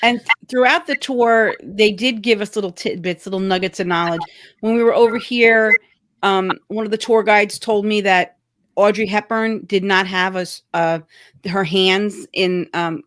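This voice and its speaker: A woman hosting a podcast, casually recounting a trip with pauses and fillers. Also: mid-range voice, steady tone, fairly bright tone. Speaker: podcast host. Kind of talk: casual chat.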